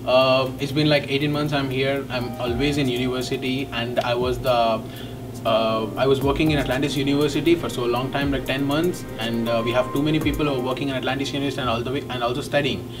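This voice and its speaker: A man's voice: medium pitch, steady tone. Rambling young Indian man, distant mic. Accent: Indian English. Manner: rambling, halting, many fillers. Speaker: graduate student. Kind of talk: testimonial interview. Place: indoor studio set. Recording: distant mic, background music.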